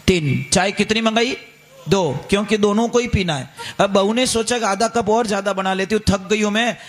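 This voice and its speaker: A man's voice: sits high, normal speed. A man, a spiritual preacher giving a storytelling sermon and animatedly acting out the characters.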